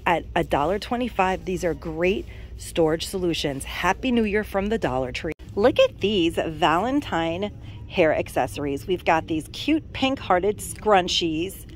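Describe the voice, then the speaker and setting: A shopping vlogger films herself on a handheld phone while strolling through a big discount store, gushing to viewers she calls "you guys" in a casual shop-with-me chat. Her voice is fairly low and expressive, her pace a little slow. There is slight background noise.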